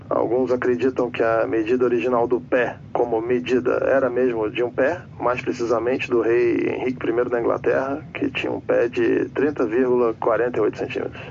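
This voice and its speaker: A man's voice: medium pitch, gravelly, darkish tone, dull audio, a little hiss or hum. An actor playing a male airline captain who talks over the cabin intercom in a formal announcer tone, drifting into endless trivia. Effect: pilot speaking over the cabin intercom. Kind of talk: comedy sketch.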